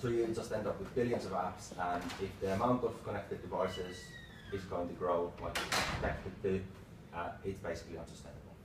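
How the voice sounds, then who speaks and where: A man gives a casual slide talk in a low-pitched voice, speaking in short, broken phrases. He is picked up from across a small meeting room, with plenty of room reflection and clearly audible noise. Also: steady tone, normal speed, hardly any pauses. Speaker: tech presenter, developer. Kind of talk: informal slide presentation, lightning talk. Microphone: far camera microphone. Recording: roomy, distant mic with clear background noise.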